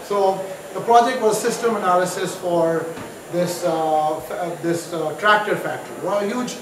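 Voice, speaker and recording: A man's voice: high-pitched, moderate pace. Chatty man from Pakistan, echoey room. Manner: chatty, self-mocking, many fillers and restarts. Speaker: guest entrepreneur. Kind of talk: on-stage interview, storytelling. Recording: distant mic, echoey room, noisy.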